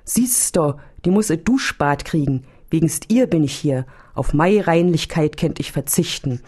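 Woman doing a gruff old doctor. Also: fairly low pitch, lively intonation, takes it slowly. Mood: ranting. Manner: blustering, then mournful.

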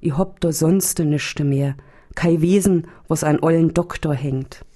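Woman doing a gruff old doctor. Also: on the low side, expressive, takes it slowly. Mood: sad. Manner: blustering, then mournful.

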